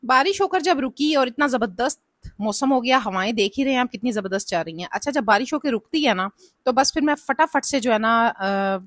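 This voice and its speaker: High-voiced woman vlogger. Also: expressive, brisk, fairly bright tone, no echo, studio quality. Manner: chatty and advice-giving, with frequent "na" and "janab". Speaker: family vlogger. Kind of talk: casual vlog narration.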